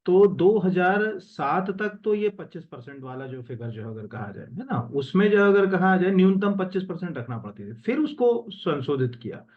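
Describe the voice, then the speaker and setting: A man's voice: high-pitched, sing-song, moderate pace, hardly any pauses, phone-quality sound. A man teaching as an exam coaching teacher, walking through answers in a casual, conversational way with many fillers and self-corrections, mixing English terms into Hindi. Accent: Hindi with English terms mixed in. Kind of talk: explaining exam answers while screen-sharing.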